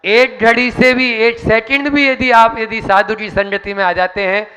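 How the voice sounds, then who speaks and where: A man's voice: high-pitched, fairly even intonation, unhurried, sharp tone, slight background noise. A man monk giving a rousing devotional sermon from a stage and reciting verse. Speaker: monk introducing the main speaker. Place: large hall, preaching from a stage. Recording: long hall reverb.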